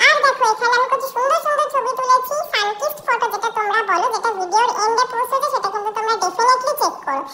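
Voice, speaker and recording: A squeaky excited pet dog. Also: female voice, quick pace, hardly any pauses, a little hiss or hum. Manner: bubbly, chattering storyteller. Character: excited young pet dog on first trip. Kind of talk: playful dog-voice narration for a pet vlog.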